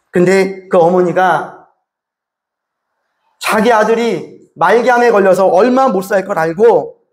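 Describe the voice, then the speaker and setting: A male pastor preaches in a high voice, telling a long story and turning often to address his congregation. His words carry through a reverberant church sanctuary. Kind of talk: sermon. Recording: echoey church hall.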